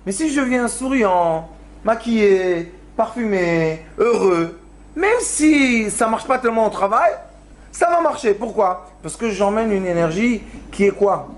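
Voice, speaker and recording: A man's voice: sits high, lively intonation, a little slow. A man giving a Torah lesson as a rabbi, telling stories and acting out pleading cries, with Hebrew words mixed into his talk. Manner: storytelling, acts out pleas with rising cries. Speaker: rabbi teaching a Torah class. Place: lecture hall.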